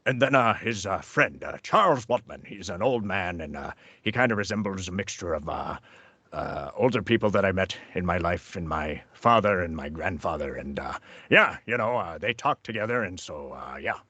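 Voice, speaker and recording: A man voicing a rambling old male cartoon character in a husky voice. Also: deep voice, expressive, moderate pace, pushed and bright, dry recording, full character voice.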